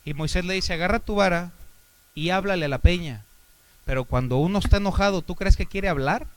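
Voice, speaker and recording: A Mexican pastor preaching in a fairly high voice with a Mexican Spanish accent. He rises to loud exhortation, drops to quiet asides, and throws rhetorical questions at his listeners. The sound is dry and close, with little room echo. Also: brisk. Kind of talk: sermon.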